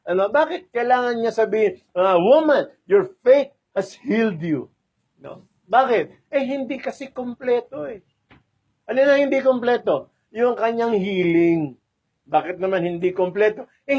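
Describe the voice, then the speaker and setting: A man with a Filipino accent giving a sermon as a lay preacher. He switches between Tagalog and English, keeps asking his listeners to agree, and calls out hallelujah along the way. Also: very high voice. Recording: dull lo-fi recording.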